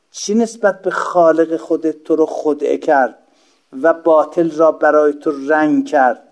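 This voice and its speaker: Male religious teacher, lecture delivery, slightly high pitch, slow recited quotes, plain explanations. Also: darkish tone. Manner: rhetorical questions to listeners. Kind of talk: explanatory lecture on Arabic text.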